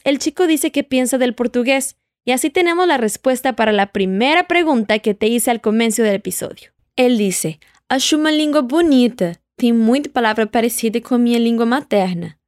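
A woman's voice: fairly high pitch, expressive, moderate pace, a little mellow, no echo, studio quality. Patient woman teaching Portuguese. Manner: patient, prompts the listener to repeat and answer. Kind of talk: audio language lesson.

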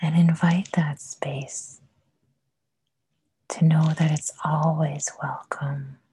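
A woman whispering a guided meditation, soft and soothing with long pauses. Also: low-pitched, flat delivery, slight background noise.

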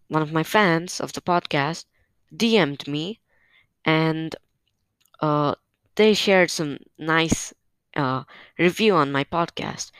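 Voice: medium pitch, a bit bright, smooth, no room sound. A podcast host recording at home on a new microphone, talking casually and hesitantly with many fillers, a little nervous. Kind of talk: casual solo podcast update. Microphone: new podcast microphone on a stand.

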